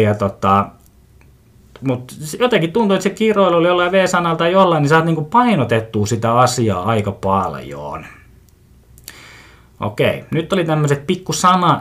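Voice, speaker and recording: A man talks alone into the mic as a podcast host, airing one gripe after another. He rambles and grumbles, pokes fun at himself, trips over his own sentences and breaks into quick chuckles, and his voice sits at an ordinary middle pitch. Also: fairly bright tone. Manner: rambling, grumbling, self-mocking, with frequent restarts and chuckles; mimics other people's voices for comic effect. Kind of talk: casual solo podcast monologue.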